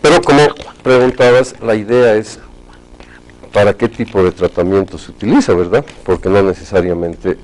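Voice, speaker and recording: A man speaking as a hypnotherapy guest on a talk show, explaining in a measured, clinical way with technical terms. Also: on the low side, darkish tone, poor audio.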